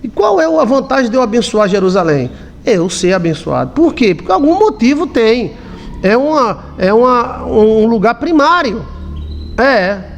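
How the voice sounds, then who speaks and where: A man's voice: very high-pitched, very animated, normal speed, a little hiss or hum. A man from Brazil, a pastor, preaching bluntly in everyday words and often asking his listeners if they understand. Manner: blunt and colloquial, asks the listeners questions. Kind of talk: sermon.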